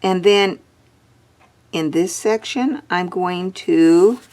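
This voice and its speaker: A woman's voice: on the low side, extremely slow, a little mellow. A woman teaching a drawing lesson, chatting and thinking aloud as she draws, with the hiccups. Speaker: art teacher.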